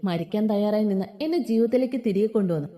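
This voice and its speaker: A woman's voice: medium pitch, fast talker, close to an everyday voice. A woman reading as a bitter, defiant young wife. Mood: tender. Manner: sharp, scornful speech.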